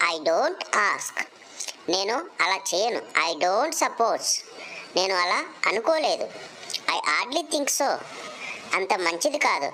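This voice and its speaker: A woman's voice: medium pitch, fairly bright tone, slight background noise, poor audio. A woman teaching English, saying each phrase and then its English version. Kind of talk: slow phrase-by-phrase language lesson.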